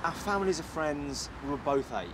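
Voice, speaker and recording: A man's voice: a little high, expressive, normal speed, background noise. A teenage boy in a sitcom, talking in an anxious, exasperated way. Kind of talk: scripted sitcom dialogue.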